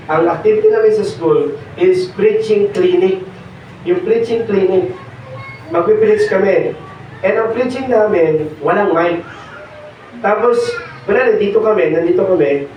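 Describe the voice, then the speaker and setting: Hoarse young preacher in an echoey church. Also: male voice, sits high, a little mellow, a little hiss or hum. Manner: mixes Tagalog and English, pauses with fillers. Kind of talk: sermon. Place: church hall. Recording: echoey hall, distant dull mic.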